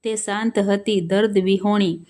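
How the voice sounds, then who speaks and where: A woman narrating a sad story, telling it slowly and earnestly and voicing the dialogue herself. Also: mid-range voice, fairly even intonation, darkish tone.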